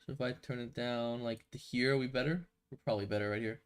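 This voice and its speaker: With a stuffy nose from a cold, a young man streams a building game and rambles casually through his thoughts at a desk mic. His mid-range voice is smooth and fairly even, and he talks fast.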